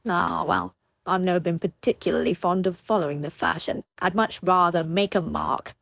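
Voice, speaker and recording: A woman's voice: lowish voice, steady tone, moderate pace, vocal fry, a bit bright, no echo. A woman voicing a frank, good-humored young lord, close to her own reading voice. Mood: jovial. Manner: frank, jovial.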